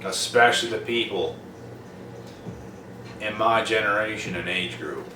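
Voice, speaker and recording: A young vlogger from Prince Edward Island, Canada, speaks in a fairly low voice at a measured pace, delivering a casual monologue to camera. He rants bluntly and profanely, repeating himself for emphasis. The recording is roomy and off-mic, captured from a distance with a noisy background.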